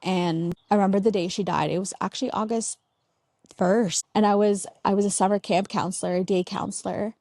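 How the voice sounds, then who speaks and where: A woman's voice: medium pitch, fairly even intonation, fairly quick, darkish tone, dry recording. A young woman speaks in a loose, chatty way, recounting family memories as an interview guest. Her talk is full of "like" fillers and restarts. The recording is dry and close, with no room sound. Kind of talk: casual storytelling interview.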